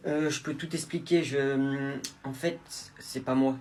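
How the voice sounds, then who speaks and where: A man plays a sheepish part in a comedy sketch, fumbling and stalling over his words. His voice sits at an ordinary middle pitch. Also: fairly even intonation, measured pace, darkish tone. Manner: hesitant, apologetic. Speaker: sketch actor.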